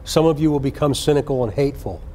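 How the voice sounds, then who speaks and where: A man, a senior police official, gives an earnest, deliberate address to recruits, repeating key phrases for emphasis. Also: medium pitch, dark tone.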